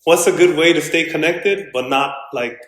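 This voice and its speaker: A man's voice: a little high, normal speed, fairly bright tone. A man in his thirties, a pastor guest, telling his story in a casual, rambling way with many fillers. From Korea, raised in Los Angeles. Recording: echoey room.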